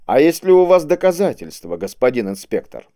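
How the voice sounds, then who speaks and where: A man voicing a sly, smooth-talking male cult preacher who speaks in a mocking, theatrical way. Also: fairly high pitch, very animated, fairly quick, warm tone, pitched above the performer's own voice.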